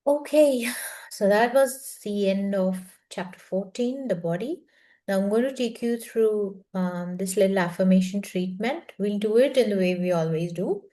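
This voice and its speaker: A woman, slowly reading a self-help book aloud and guiding a listening group through an affirmation in a soft, measured voice. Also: medium pitch. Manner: slow, soft and measured, with quiet half-whispered phrases. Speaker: book reading session leader.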